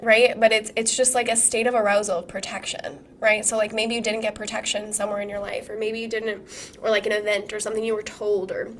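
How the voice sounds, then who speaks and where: A hoarse woman who is sick, teaching a live-streamed trauma-healing masterclass in a casual, swearing, animated way full of rhetorical questions. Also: medium pitch, brisk, a little hiss or hum.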